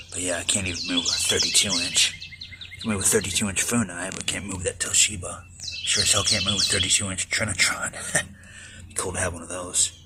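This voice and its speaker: A man's voice: low-pitched, heavy background noise. A man in his twenties casually rambling with mumbled asides and offhand swearing while he works outside in a backyard. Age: 20s. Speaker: vlogger. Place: outdoors in a backyard under a roof.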